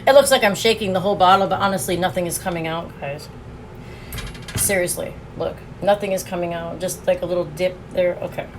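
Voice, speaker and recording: A woman's voice: on the low side, fairly quick, slight background noise, poor audio. A woman streaming a casual food review, chatting with her viewers and laughing often as she eats, recorded on a phone. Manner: chatty, laughs often, talks while eating.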